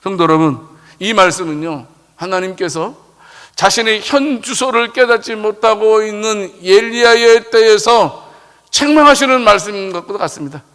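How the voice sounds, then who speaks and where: High bright preaching man in echoing hall. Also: normal speed, clear, resonant tone. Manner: rhetorical questions, swelling emphasis then dropping low. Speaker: pastor. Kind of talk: sermon. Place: church sanctuary. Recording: long church hall reverb.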